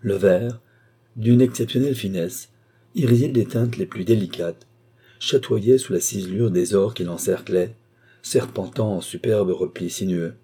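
A man narrating a novel in a steady, measured audiobook reading. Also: on the low side, slightly rough.

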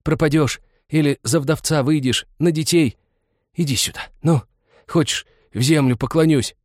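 A man's voice: fairly high pitch, moderate pace, no room sound, clean studio sound, voice pushed up, natural voice. A man playing a whispering bearded wanderer. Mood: pleading. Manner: hushed, whispering, pleading. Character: bearded male wanderer, furtive and pleading.

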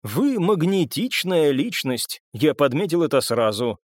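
A man's voice: on the high side, sing-song, unhurried, dry recording, studio quality. A man voicing a polished, sardonic young male courtier who speaks with guarded courtesy in an audiobook. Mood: courteous.

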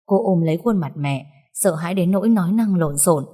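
A woman narrating a dramatic story in a measured, somber way. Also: fairly low pitch, warm tone, breathy edge. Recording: long reverb.

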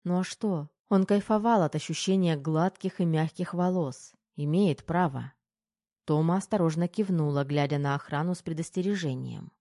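A woman narrating a novel in an even, unhurried storytelling manner. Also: low-pitched, dry recording, clean studio sound. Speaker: audiobook narrator. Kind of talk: scripted narration.

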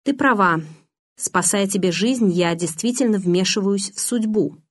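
A woman reading the lines of a guarded, brooding young man in a restrained, quiet manner. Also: medium pitch, unhurried, lightly acted.

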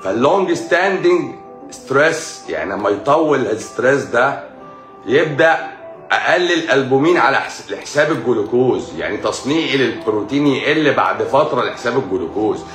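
A man's voice: mid-range voice, animated, brisk, fairly bright tone. Egyptian man lecturing in an echoey room. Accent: Egyptian Arabic. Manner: repeats key words as questions. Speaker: doctor. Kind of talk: live-stream medical lecture. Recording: echoey room, faint music.

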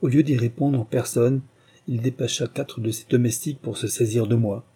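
A man's voice: medium pitch, fairly even intonation, normal speed, mellow, slightly rough. A man voicing a proud, resolute young soldier son in a read-aloud novel, speaking firmly and steadily.

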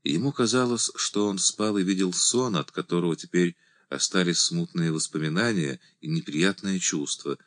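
A man reading a novel aloud as an audiobook narrator, in a measured storytelling manner. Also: low voice, a bit bright, no echo, studio quality. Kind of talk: scripted literary narration.

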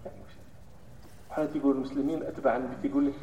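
A man with a Moroccan accent preaching a Friday sermon, moving between hushed solemn recitation and loud animated scolding. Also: medium pitch, racing, a little hiss or hum. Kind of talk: Friday sermon in Moroccan Arabic mixed with classical Arabic. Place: mosque hall. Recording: echoey hall from far off, dull lo-fi sound.

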